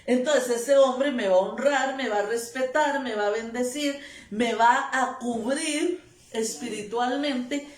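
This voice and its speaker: High-voiced lady preaching slow and emphatic, lots of amen, echoey room, mic kinda far. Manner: emphatic, repetitive, calls of amen. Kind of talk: sermon.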